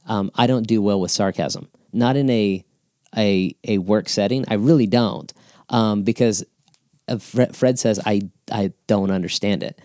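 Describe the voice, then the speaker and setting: A man's voice: lowish voice, measured pace, a little mellow, no room sound, clean studio sound. A man giving earnest, emphatic teaching on handling hard conversations, often repeating words as he talks.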